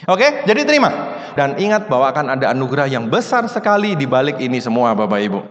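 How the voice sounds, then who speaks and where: A motivational speaker gives a seminar talk to an audience in a chatty, casual style full of rhetorical questions. His mid-range voice is sing-song, quick, and fairly bright, with long hall reverb on the recording.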